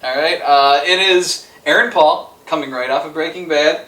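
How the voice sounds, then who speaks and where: A man with a fairly high, bright voice and moderate pace co-hosts a movie ranking show, arguing casually and emphatically with friends. He is opinionated and swears freely. He sounds distant from the mic in an echoey room.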